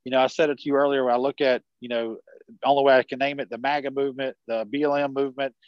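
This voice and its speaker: Racing along at a medium pitch that barely moves, a network marketer in his forties talks as a podcast guest over a video call. He has a rural South Carolina accent and rambles with many restarts and fillers in a casual conversational interview. The tone is clean and the recording dry, but the highs are cut off.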